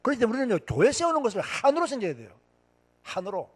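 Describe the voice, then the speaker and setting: A male pastor preaching with fire and a hot temper, his voice husky and set high. He swings widely in pitch, drives each point home by repeating it, and keeps throwing questions out to the congregation. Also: huge pitch swings, racing. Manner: emphatic, repeats lines for stress, asks the crowd questions; self-described hot-tempered and impatient. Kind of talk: fiery sermon to church officers.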